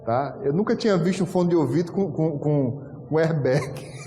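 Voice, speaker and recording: A pastor preaching a storytelling sermon, animated and acting out dialogue with frequent laughter. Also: male voice, on the high side, moderate pace, slight background noise. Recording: echoey hall with long reverb.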